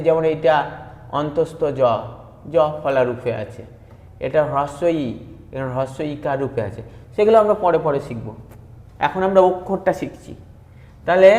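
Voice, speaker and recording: A man's voice: a little high, a little mellow. A man teaching a patient, step-by-step grammar lesson, spelling words out sound by sound and repeating key points. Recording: echoey room with long reverb.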